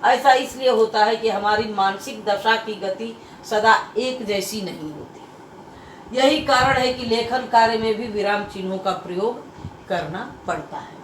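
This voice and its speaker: A woman teaching a Hindi grammar lesson to children, explaining slowly and repeating each point with stressed key words. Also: a little high, reverberant, distant mic, a little hiss or hum, poor audio.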